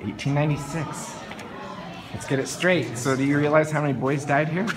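A man's voice: fairly high pitch, fairly even intonation, fairly quick, crowd noise, background noise. A man filming a casual road-trip vlog with his son, chatty and joking, talking into a handheld phone camera. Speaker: father vlogging a road trip.

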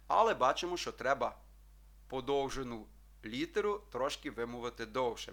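Bright-voiced male language teacher. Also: medium pitch. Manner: addresses listeners as friends, checks with frequent "так?"; slow, drawn-out model pronunciations. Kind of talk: explanatory video lesson.

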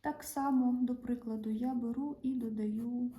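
A woman art teacher with a Ukrainian accent calmly explains each pencil stroke of a drawing as she works, often dropping to a half-whisper. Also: on the high side, unhurried, a little hiss or hum, poor audio. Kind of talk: drawing lesson narration.

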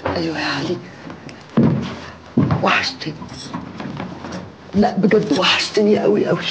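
An actress playing a defiant kidnapped young wife, speaking with an Egyptian accent and stubborn, sharp retorts. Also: female voice, fairly low pitch, moderate pace, very noisy, close to an everyday voice. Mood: pleading. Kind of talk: film drama acting.

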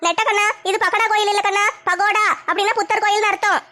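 A woman's voice: extremely high pitch, steady tone, fast talker, bright, forceful tone. A woman performing a comedy skit, teasing and scolding in village banter.

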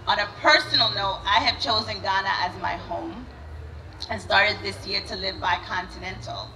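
A Sudanese woman, the CEO of an organization, gives an earnest, measured prepared speech at a podium on an outdoor event stage during a ceremony, speaking into podium microphones. Her voice is medium-pitched, pushed and bright; the recording is low quality with slight background noise.

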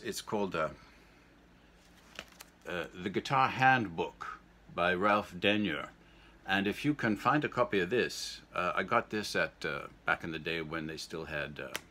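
Deep-voiced older man, rambling guitar vlog. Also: bright, forceful tone, a little hiss or hum. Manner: rambling, halting, chuckling between thoughts. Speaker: guitar channel host.

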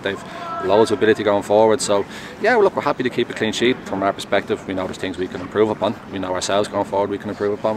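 Fast-talking goalkeeper, noisy outdoors. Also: male voice, lowish voice. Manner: measured, earnest, steady. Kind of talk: post-match interview. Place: outdoors at a stadium, in front of a sponsor board at night. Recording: outdoor traffic noise.

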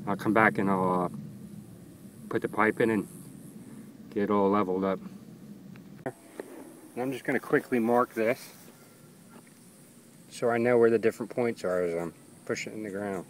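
A man's voice: lowish voice, fairly even intonation, measured pace, long pauses, slight background noise, poor audio. A man casually narrating a how-to project in his backyard, talking plainly through each step with fillers, at times out of breath from digging. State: tired, catching his breath. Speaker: amateur radio hobbyist, DIY video maker. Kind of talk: casual how-to narration while working outdoors. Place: backyard outdoors.

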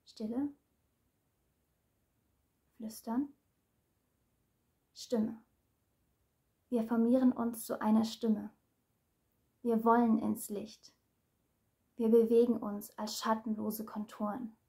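Slow, hushed woman reciting spoken word. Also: a little high, level tone, creaky. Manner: slow and measured, sinking at times into a hush. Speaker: author reciting her own speech.

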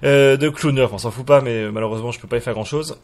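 A man's voice: medium pitch, fast, darkish tone. A man giving casual, hesitant commentary while showing a game mod, full of fillers and restarts and chuckling at himself. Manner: self-mocking, chuckles at himself. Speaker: YouTuber presenting a game mod.

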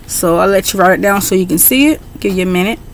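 A middle-aged woman talking casually on a home webcam in an excitable, chatty way, with frequent fillers. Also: mid-range voice, fast, slight background noise. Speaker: beauty vlogger. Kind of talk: casual haul video. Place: bedroom at home, indoors. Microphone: webcam at desk.

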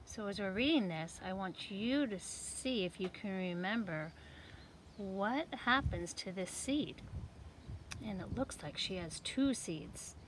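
A woman's voice: medium pitch, expressive, slow, slight background noise, rough recording. A woman reading aloud to young children like a kids-show host, sing-song and putting questions straight to her listeners. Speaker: teacher reading a picture book to young children.

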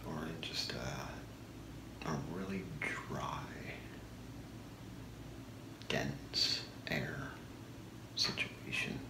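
A soft-spoken man in his thirties whispers a role-play as a shopping channel host, pitching a product slowly and deliberately. He is indoors in a small home room, and the recording is echoey with clear background noise.

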